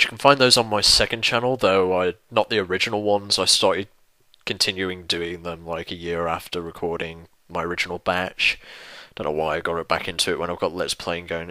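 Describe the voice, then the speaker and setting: A man's voice: on the low side, pushed and bright, no room sound, poor audio. A young man hosting a let's play channel, answering viewer questions in a casual, rambling and self-deprecating way, swearing freely and restarting his sentences.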